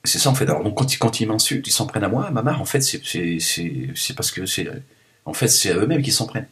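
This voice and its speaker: Man, parisian accent, low voice, rambling joking vlog talk, chatting at home. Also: very animated, fast talker, a bit bright. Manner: joking, rambling, teasing asides. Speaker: vlogger. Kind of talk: casual vlog monologue. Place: home, cold room.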